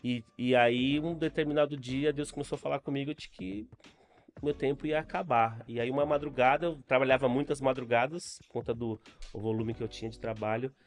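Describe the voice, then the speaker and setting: Man, Brazilian accent, middle-aged, earnest storytelling, mid-pitched voice, faint music behind. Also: a little fast. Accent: Brazilian Portuguese. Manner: earnest, storytelling with frequent fillers. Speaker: podcast guest. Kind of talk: casual testimony.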